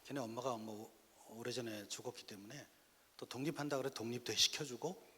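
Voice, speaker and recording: Addressing parents in a church hall, this middle-aged pastor speaks briskly in a mid-range voice, weaving in stories and calling directly on his audience in a lively way. A slight hiss or hum runs under the recording.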